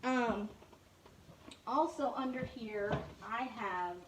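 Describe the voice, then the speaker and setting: A woman's voice: a little high, takes it slowly, noisy background. A woman who teaches English online gives a casual tour of her home classroom setup and keeps talking straight to her viewers. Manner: chatty, keeps addressing viewers with y'all and right.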